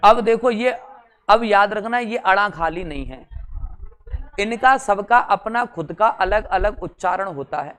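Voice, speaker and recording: Guy teaching grammar for an exam, smooth voice, chants the letters over and over, cracks jokes. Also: high voice, animated, unhurried, fairly bright tone. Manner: chants syllables in drills, jokes with students; repeats "theek hai" constantly. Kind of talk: exam-prep grammar lesson.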